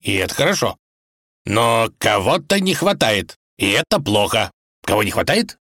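A man's voice: fairly low pitch, big pitch swings, moderate pace, pushed and bright, no room sound, clean studio sound, exaggerated voice. A man reading a fairy tale aloud and voicing a fussy, bossy old tsar. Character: fussy older male tsar, bossy but kindly.

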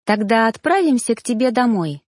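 A woman voicing a calm, kind young female reaper who speaks gently and reassuringly. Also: fairly high pitch, fairly quick, no room sound, studio quality. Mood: gentle, firm.

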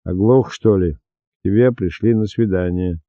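A man's voice: low voice, a little slow, no room sound. A man reading as a barking prison guard. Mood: gruff. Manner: barking, impatient. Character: gruff male prison guard, barking orders. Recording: dull dry lo-fi recording.

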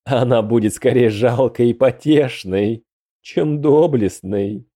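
A man's voice: mid-range voice, takes it slowly, warm tone, no echo, clean studio sound. A man voicing a sneering goat-faced demon clown with a mocking manner.

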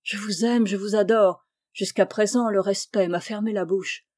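A woman's voice: mid-range voice, fairly even intonation, normal speed, darkish tone, lightly acted. A woman reading a story voices a shy but bold young man, speaking ardently and cheerfully.

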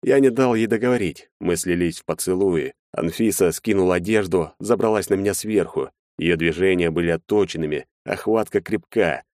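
A man narrating a first-person audiobook in an expressive manner, changing his voice for each character. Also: low-pitched, moderate pace, hardly any pauses, dry recording, studio quality.

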